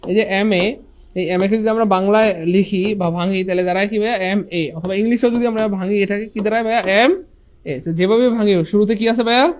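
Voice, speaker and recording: This is a man with a notably high voice giving an online English grammar lesson. He keeps his students involved with repeated questions that he answers himself in a call-and-response pattern, and he drops English grammar terms into his talk. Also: brisk. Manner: often says "inshallah" and "dear brothers and sisters". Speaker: English teacher.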